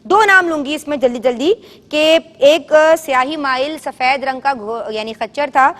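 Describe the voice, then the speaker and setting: Her high, bright voice echoing with the long reverb of a studio hall, a children's show host quizzes kids and has them repeat their answers loudly. She asks questions, coaxes them to speak up, and tells stories in a gentle, coaxing tone.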